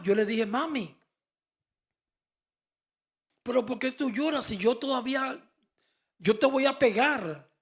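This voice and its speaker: A male pastor preaching a fervent sermon, swinging from soft asides to emphatic calls. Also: high voice.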